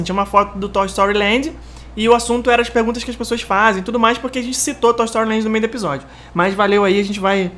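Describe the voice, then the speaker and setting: A man's voice: high-pitched, fairly bright tone. A Brazilian man co-hosting a casual podcast, reading listener comments and teasing with lots of laughter. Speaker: podcast co-host.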